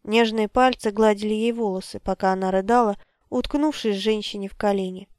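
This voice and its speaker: A woman narrating an audiobook in an even, storytelling read. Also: medium pitch, brisk, clean tone, no echo, clean studio sound. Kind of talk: scripted narration.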